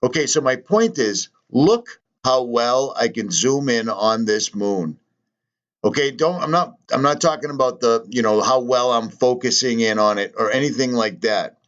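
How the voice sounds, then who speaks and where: A man's voice: mid-range voice, animated, moderate pace, muffled recording. A man, talking casually in a vlog and pressing rhetorical questions. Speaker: channel host.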